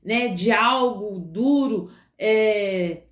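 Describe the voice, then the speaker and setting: A woman telling a dramatic story to children, animated, with sound effects and fillers. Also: mid-range voice, extremely slow. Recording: roomy echo.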